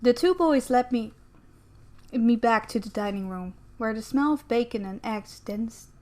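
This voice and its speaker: A Dutch-native woman reading a visual novel aloud, chatty and quick to add her own comments. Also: on the high side, dark tone. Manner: chatty, laughs and comments between lines. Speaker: let's player.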